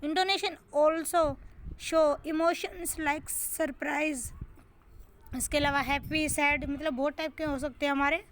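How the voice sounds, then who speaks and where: Indian woman teacher, high voice, slow pace, reads english then explains in hindi. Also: fairly even intonation, a bit bright, a little hiss or hum. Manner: asks questions and answers them herself. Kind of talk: exam-prep lesson.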